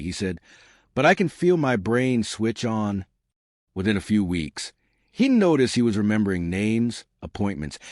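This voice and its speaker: A man's voice: lowish voice, no echo, studio quality. A man reading scripted narration for a health advice video, as the narrator.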